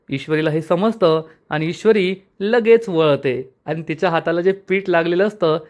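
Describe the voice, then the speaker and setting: A man retelling a TV serial episode in speech, acting out the characters' lines as he narrates. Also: on the high side. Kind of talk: storytelling episode recap.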